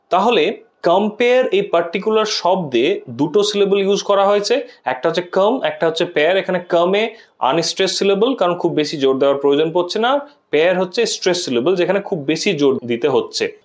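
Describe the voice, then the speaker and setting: A man teaching an exam-prep lesson on poetic meter, explaining step by step and repeating key words. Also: sits high.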